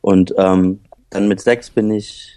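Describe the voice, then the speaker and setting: Deep mellow man, rambling guest. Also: steady tone, no room sound. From northern Germany. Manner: rambling, reminiscing, halting. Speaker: podcast guest, rapper. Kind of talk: casual podcast chat.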